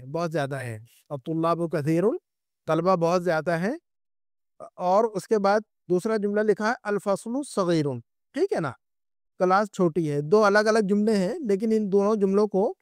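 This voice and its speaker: High-voiced man teaching Arabic. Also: a little mellow, clean tone, no echo, studio quality. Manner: patient, repeats and checks with students. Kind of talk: online class lecture.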